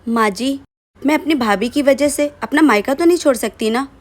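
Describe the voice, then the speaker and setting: A woman's voice: high voice, moderate pace. A woman voicing a young educated daughter-in-law in a family drama skit, who speaks in formal, polite address and gives firm answers. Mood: pleading.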